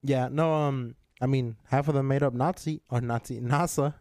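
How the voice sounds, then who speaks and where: A man co-hosting a podcast in casual, rambling chat, swearing and clearing his throat often. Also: mid-range voice, fairly even intonation, normal speed, mellow, no room sound, studio quality. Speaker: podcast co-host.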